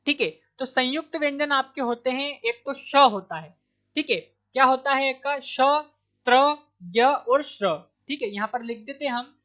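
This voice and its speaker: Woman exam tutor, slightly high voice, patient and repetitive, on muffled lo-fi audio. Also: a little fast, sharp tone. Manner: explains step by step, repeating answers with "ठीक है". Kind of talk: online exam-prep lesson. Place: Madhya Pradesh, India. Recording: dull lo-fi recording.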